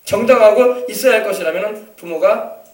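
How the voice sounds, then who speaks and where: A man preaching from the pulpit, prodding the congregation with repeated questions. His voice sits high and the words tumble out quickly. The sound carries through an echoey church and is picked up from some distance off the mic. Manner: preaching with call-and-response questions. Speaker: pastor. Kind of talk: sermon. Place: church sanctuary.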